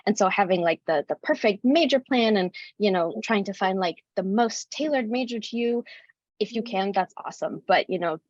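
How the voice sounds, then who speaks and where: A woman's voice: mid-range voice, no echo. Young woman on dull, dry call audio. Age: 20s. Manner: relaxed, with many you-knows and likes. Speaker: alumna panelist. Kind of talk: casual panel talk.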